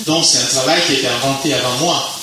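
A man's voice: mid-range voice, quick pace. A man from Italy speaking French with an Italian accent, giving a chatty, self-mocking talk to a youth group. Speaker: physician guest speaker. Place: large tent at a youth camp. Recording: echoey tent with clear background noise.

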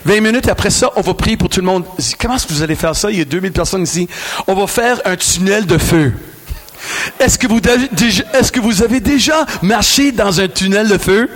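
Québécois male preacher, high voice, bantering with a big crowd. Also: brisk. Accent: Québécois French. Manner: animated, joking with the crowd. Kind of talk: lively sermon. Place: large hall with a crowd.

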